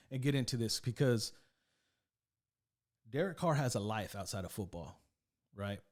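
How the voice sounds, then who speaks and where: A man's voice: medium pitch, darkish tone. Chatty male sports commentator. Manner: conversational, repeats himself, keeps asking "right?". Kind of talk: casual video commentary.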